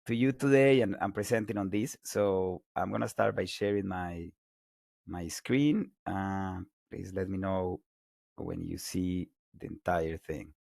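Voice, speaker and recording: Colombian-born guy in his 40s lecturing online, low gravelly voice, dry sound, lots of energy. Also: unhurried, dry recording. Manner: energetic, self-correcting repeats. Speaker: guest lecturer.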